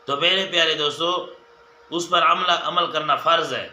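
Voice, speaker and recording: A man's voice: fairly high pitch, pushed and bright, a little hiss or hum. A man giving a religious lesson as a mufti, counting off his points one by one and repeating them, often turning to the viewers as dear friends. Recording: echoey room with faint ambience.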